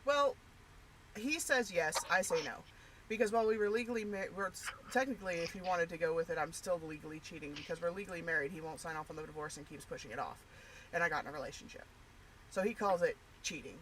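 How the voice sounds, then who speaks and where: A woman's voice: on the low side, quick pace, a bit bright, low-quality recording. A woman chatting casually and candidly, rambling with lots of fillers. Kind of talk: casual personal chat.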